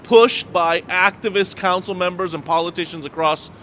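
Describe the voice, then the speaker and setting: A man gives pointed political commentary while standing on a city street. He speaks emphatically, building to indignant peaks, in a slightly high voice. Loud traffic noise fills the background. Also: fairly even intonation, normal speed. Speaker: local commentator.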